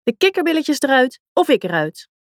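A woman's voice: sits high, sing-song, a little fast, dry recording, voice pushed up. An exasperated fairy-tale queen who grumbles at her husband, as a woman puts her on. The voice rises a little above the reader's own. The sound is dry and close. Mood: grumbling.

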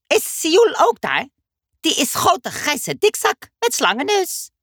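A woman voicing an eager, excitable boy who speaks in broken, ungrammatical sentences. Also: very high voice, slow, no echo, clean studio sound, voice pushed up, heavily acted. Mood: excited.

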